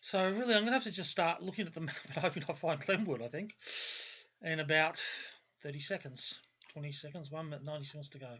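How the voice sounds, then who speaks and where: Fairly high and quick, this man's voice comes across pushed and bright over lo-fi sound. Raised in Melbourne, the Australian host of a gaming video series rambles through casual commentary as he thinks aloud. He keeps qualifying his remarks and correcting himself along the way.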